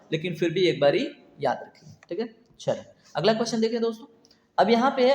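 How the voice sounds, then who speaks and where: A man's voice: high voice, roomy sound, long reverb tail. A man teaching an exam prep lecture, asking questions and answering them himself, repeating key answers. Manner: repetitive quizzing, asks and answers himself.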